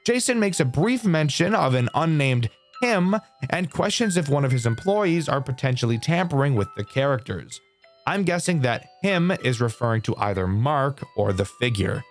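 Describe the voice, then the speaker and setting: A man's voice: mid-range voice, very animated, moderate pace, faint music behind. A young man giving casual game review commentary as a YouTuber, candid and swearing freely. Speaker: gaming YouTuber.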